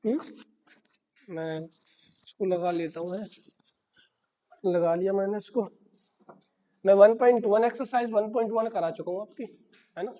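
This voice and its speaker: A man teaching math to a class, his voice mellow and dark in tone. He keeps asking the room "what?" and answering himself, stressing each key word. The sound rings with a long reverb from the classroom around him. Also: high voice, fairly even intonation, unhurried, pauses often. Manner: repeats key words as questions to the class. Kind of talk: classroom lecture.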